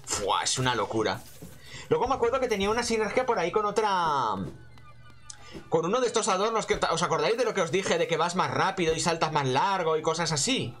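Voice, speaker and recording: A man's voice: sits high, lively intonation, brisk, fairly bright tone. A man with an accent from Spain giving casual gameplay commentary in a rambling, slangy way with lots of swearing. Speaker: gaming host.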